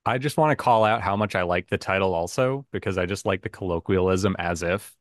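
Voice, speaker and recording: A man's voice: deep voice, a little fast, no echo, clean studio sound. A man hosting a podcast guessing game in a casual, playful, self-mocking way. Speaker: podcast game show host.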